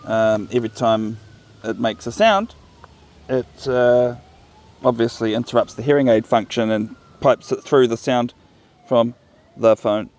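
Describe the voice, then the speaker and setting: Male vlogger, New Zealand accent, mid-pitched, casual and musing, thinks aloud in an unhurried ramble. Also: darkish tone. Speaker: vlogger walking his dog. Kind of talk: casual rambling vlog narration. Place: outdoors, walking along a path. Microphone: phone recording while walking.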